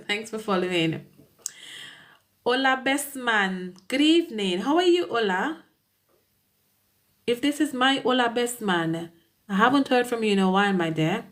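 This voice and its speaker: A woman with a Caribbean accent talks to her viewers on a live stream. Her tone is casual and chatty, with frequent laughs and warm greetings to the people watching. She sounds like she is speaking into a phone or webcam indoors. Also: on the high side, expressive, measured pace, pauses often. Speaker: immigration solicitor hosting a live Q&A.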